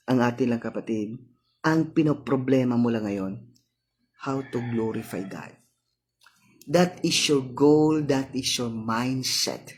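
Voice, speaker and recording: A man's voice: a little high, slightly rough. A man with a Cebuano accent preaching a sermon, mixing languages, repeating his lines and checking on listeners with "hello?".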